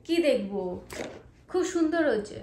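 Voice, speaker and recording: A woman's voice: sits high, animated, normal speed, mellow, distant mic, a little hiss or hum. A woman from India chatting casually to her viewers in a home vlog, with frequent hesitant fillers as she talks, recorded on a phone at home. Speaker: homemaker vlogger. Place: family home indoors. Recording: echoey room, voice set back from the mic.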